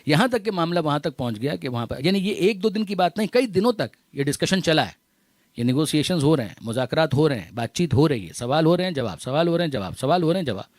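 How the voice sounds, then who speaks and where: A man's voice: fairly high pitch, very animated, no room sound. A male cleric giving a religious lecture, repeating phrases for emphasis, reciting Arabic verses and slipping English words into his speech. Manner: addresses listeners as dear brothers.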